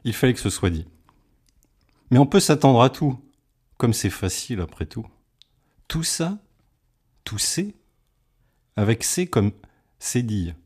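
A man's voice: mid-range voice, big pitch swings, unhurried, long pauses, a little mellow, husky. A man trading comic banter and reading poetic verse in a playful, self-mocking way. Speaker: comic performer.

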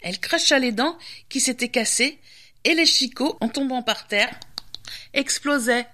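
Expressive woman reading a children's tale. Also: high-pitched, a little slow. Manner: expressive, lively reading with varied pacing. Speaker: radio storyteller and host.

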